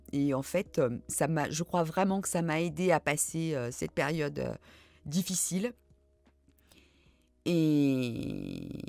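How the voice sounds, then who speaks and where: Chatty low-voiced woman. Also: gravelly, darkish tone, no echo. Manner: chatty, self-deprecating, many hesitant fillers. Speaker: host of a reading channel. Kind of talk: casual chat answering viewer questions.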